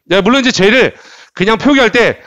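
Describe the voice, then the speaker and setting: A man teaching English in a lively classroom lecture style, often repeating words and asking the class questions. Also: sits high, a little fast, no echo. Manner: animated, repeats words and asks rhetorical questions.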